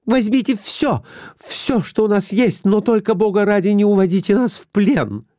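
A man's voice: high voice, lively intonation, moderate pace, dark tone, no room sound, studio quality, voice pushed up. A man voicing a frightened, hysterical middle-aged woman who shrieks and pleads through sobs. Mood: panicked, hysterical. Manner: shrieking, sobbing pleas.

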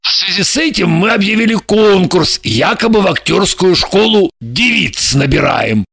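Reading an audiobook, a man voices a blunt, impatient male spy handler in his thirties who is explaining something. His high voice has lively intonation and a normal pace, performed as a full character voice that turns gravelly and shouting.

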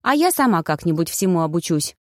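A woman's voice: lowish voice, big pitch swings, brisk, no room sound. Woman doing a playful indignant young heroine, exclaiming, dry close sound.

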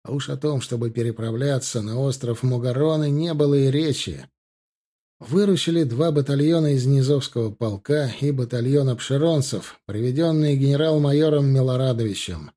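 A man narrating a historical war novel as an audiobook, in a steady storytelling voice. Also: medium pitch, normal speed.

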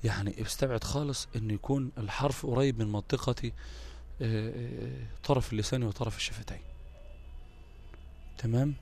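A man's voice: mid-range voice, fairly even intonation, fairly quick, creaky, long pauses, darkish tone, slight background noise. A man with an Egyptian Arabic accent teaching Quran recitation in a live online lesson, explaining patiently, repeating terms and checking in with his listeners.

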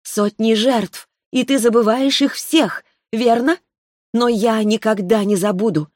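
A cold, vengeful spirit girl, voiced by a woman, speaks in a sweet, high, childlike voice, well above a normal woman's register. Her words come slow and clipped, like verdicts. The recording is dry and close. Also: steady tone, darkish tone, dry recording. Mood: cold, judging. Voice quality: sweet young voice. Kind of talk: audiobook character voice.

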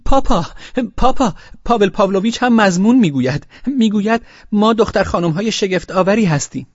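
A man reading an audiobook, voicing two young girls who shout together in high, excited voices. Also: no room sound. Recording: dull lo-fi sound.

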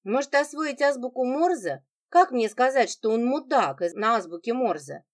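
A woman's voice: on the high side, expressive, moderate pace, pitched above the performer's own voice, lightly acted. A woman doing a sneering, venomous wife. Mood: mocking. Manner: sarcastic, sneering, biting.

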